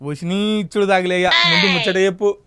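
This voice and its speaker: A man's voice: high voice, lively intonation, fast talker, a loud crowd. A man with a Telangana Telugu accent hosting a satirical news segment, mocking and needling in his commentary. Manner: sarcastic, needling.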